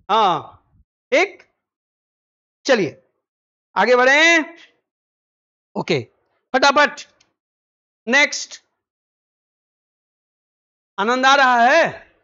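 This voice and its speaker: A male teacher explaining vocabulary for an exam, mixing Hindi with slow English phrases and firing quick questions at his students. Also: very high-pitched, sharp tone, smooth, dull audio. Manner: quizzes listeners with quick rhetorical questions.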